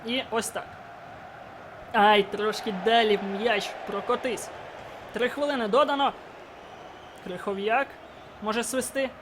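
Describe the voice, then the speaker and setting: A man with a very high voice calls his own football video game match as he plays. He talks through every pass, then bursts into shouting when a goal or a chance comes. A faint hiss of noise sits under his voice. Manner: excitable, shouts at goals and chances. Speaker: gaming YouTuber. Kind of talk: live game commentary.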